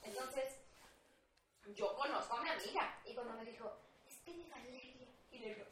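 A high-pitched young Mexican woman chatting on a podcast, a bit away from the mic in a very echoey room. She tells stories with gusto and acts out every voice she quotes. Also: moderate pace, fairly bright tone, recorded from a distance. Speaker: podcast co-host. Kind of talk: casual chat.

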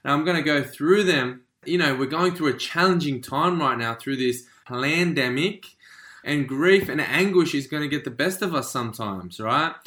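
Motivational podcast host, male, bright energetic delivery, echoey room. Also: a little high, normal speed. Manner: energetic, repeats "right?" and "you know"; acts out quoted feelings. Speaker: podcast host, life coach. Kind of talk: motivational talk.

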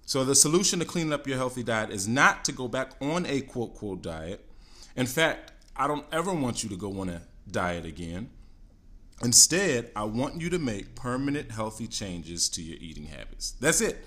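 A man's voice: mid-range voice, big pitch swings, moderate pace, a bit bright. A man coaching listeners on healthy eating and exercise in a solo podcast episode, casual, often checking in with "all right?" and "okay?". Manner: casual with fillers and self-corrections. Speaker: fitness coach.

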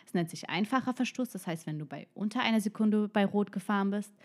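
A young woman recounting a story to her podcast co-host. She slips into other people's voices for the quotes and breaks into laughter as she goes. Her talk is casual and lively. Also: mid-range voice, quick pace. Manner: animated, acts out quotes, laughs while telling.

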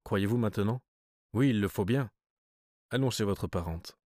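A man reading a calm, commanding doctor. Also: fairly low pitch, moderate pace, no room sound, clean studio sound, lightly acted. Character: calm, assured male hypnotist doctor.

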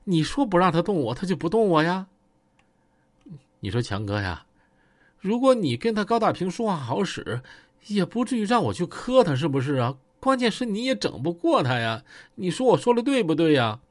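A man's voice: high voice, big pitch swings, moderate pace, dry recording. A man voicing a cautious, polite ex-con who talks in a pleading, deferential way, with a Northeastern Chinese accent.

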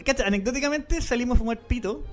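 A Chilean man co-hosting a comedy podcast, telling rambling stories in a casual, animated way. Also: extremely high pitch, fast talker, over music. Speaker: podcast co-host.

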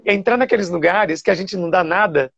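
A TV presenter from Bahia, telling stories animatedly with fillers and restarts. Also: male voice, high voice, quick pace, gravelly, a bit bright, dull audio. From Bahia, Brazil. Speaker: TV show presenter. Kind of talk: casual storytelling interview.

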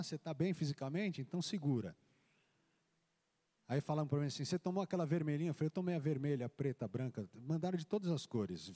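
A man, a pastor, telling his testimony in a church service, acting out the dialogue as he tells it. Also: a little high. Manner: animated storytelling, acting out dialogue. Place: church hall. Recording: long church hall reverb.

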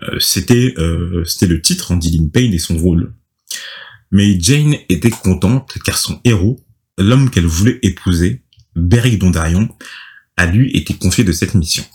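A man's voice: low-pitched, normal speed, a little mellow. A young man hosting a casual book discussion, summarizing chapters with many fillers and restarts. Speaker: podcast host reading and discussing a novel. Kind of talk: casual chat with read-aloud summary.

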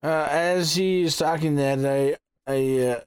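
A man casually narrating his actions as a player in a tabletop game, giggly and halting as he works them out. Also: fairly high pitch, clean tone, no room sound. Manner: giggly, hesitant phrasing.

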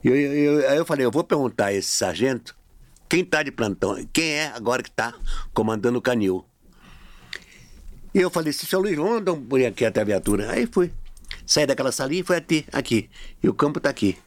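A man's voice: medium pitch, animated, a little fast. A middle-aged man telling a long anecdote in casual podcast talk, acting out the dialogue with shifting voices. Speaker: podcast guest. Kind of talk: casual storytelling.

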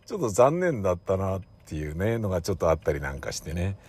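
A man's voice: fast, husky. A man hosting his own channel, rambling in a casual, self-mocking monologue from inside a car. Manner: rambling, self-mocking, lively pitch swings. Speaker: channel host.

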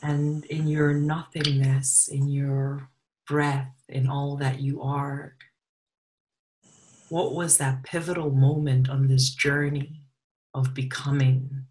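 An interviewer asking gentle, slow, soft-spoken questions. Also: medium pitch, level tone, poor audio. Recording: faint background noise.

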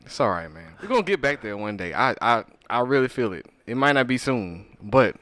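A man's voice: medium pitch, very animated, fairly quick, fairly bright tone, no echo. A man in casual podcast chat, laid-back and upbeat, laughing easily.

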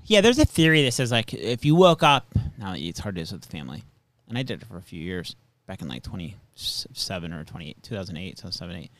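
A man's voice: low voice, very animated, fast talker, dry recording. A man, a stand-up comedian, telling stories in a rambling casual chat full of fillers. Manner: rambling, filler-heavy storytelling.

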